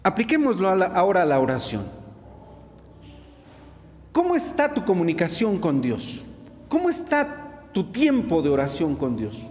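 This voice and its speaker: A man's voice: high-pitched, wildly swooping pitch, measured pace, long pauses, darkish tone, long reverb tail. A man preaching a sermon to his congregation, asking them rhetorical questions. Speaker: pastor.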